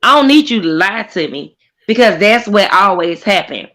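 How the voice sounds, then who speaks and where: A woman's voice: mid-range voice, expressive, moderate pace, pushed and bright, poor audio. A woman in her forties talking openly and earnestly on a group stream, repeating herself as she explains her struggles. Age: 40s. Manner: earnest, repeats herself, opens up about hardship. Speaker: guest caller on a group stream. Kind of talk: emotional casual chat.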